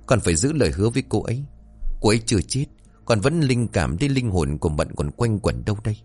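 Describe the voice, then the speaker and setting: Guy doing a heartbroken stubborn young man, pleading, lowish voice, swings up and down a lot. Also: a little mellow, slightly rough. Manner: pleading, insistent. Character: grieving, obstinate young man, lovesick and desperate.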